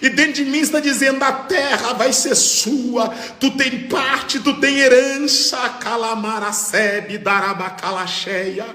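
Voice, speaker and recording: A man preaching a fervent Pentecostal sermon as pastor, rising to shouts and breaking into tongues. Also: extremely high pitch, unhurried, few pauses, roomy sound, in a large hall, soft background music.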